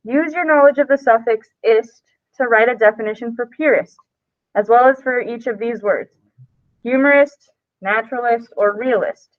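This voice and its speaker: A woman leads a live classroom lesson, walking students through the work in a casual, chatty way. Her voice sits fairly high. The sound is dry and tinny, like a phone line. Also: normal speed, no room sound. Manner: casual, chatty, explains step by step. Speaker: teacher.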